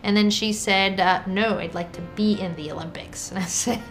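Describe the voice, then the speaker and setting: Woman, playful friend being interviewed, animated storyteller. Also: medium pitch, moderate pace, soft background music, poor audio. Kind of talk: casual interview talk.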